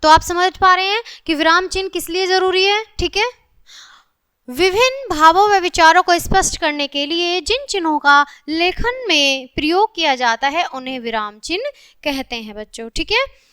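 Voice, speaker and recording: Woman teaching kids grammar, high bright voice, dry close sound, keeps checking in with the class. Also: lively intonation, normal speed, no echo. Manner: repeats "ठीक है" as a check-in, reads example sentences aloud. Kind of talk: classroom grammar lesson for children.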